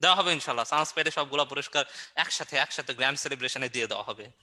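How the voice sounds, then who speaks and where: A man's voice: mid-range voice, rapid-fire, pushed and bright. A man teaching an online review class, quizzing students and answering his own questions with playful memory tricks. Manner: playful and joking.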